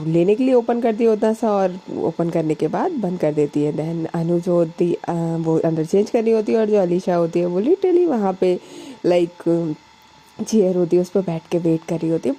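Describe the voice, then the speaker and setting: A woman's voice: lowish voice, dark tone, low-quality recording. A young woman narrating a love story in a chatty, casual way, mixing in English words and fillers.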